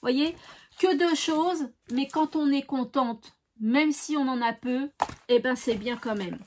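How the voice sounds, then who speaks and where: Her tone is slow and somewhat dark, yet this high-voiced craft vlogger with a regional French accent stays cheerful and enthusiastic. She chats casually with viewers, dropping lots of fillers and frequent "voilà".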